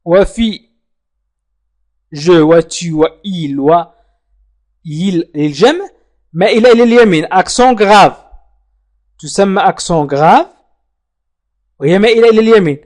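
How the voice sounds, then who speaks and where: Slow, high-voiced man teaching a lesson. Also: darkish tone. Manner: slow, repeats phrases with careful spelling. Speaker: French teacher. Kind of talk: language lesson.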